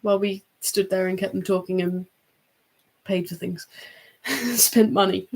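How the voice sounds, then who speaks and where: Woman, livestream co-host, chatty and giggly, some vocal fry. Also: medium pitch, flat delivery, measured pace, a little mellow. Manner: chatty, giggly, trails off with fillers. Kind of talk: casual chat.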